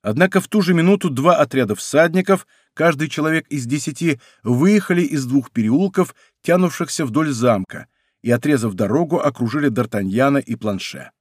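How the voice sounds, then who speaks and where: A man narrating an adventure novel in an expressive, dramatic reading. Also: medium pitch, normal speed, slightly rough, no echo, clean studio sound. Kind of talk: audiobook narration.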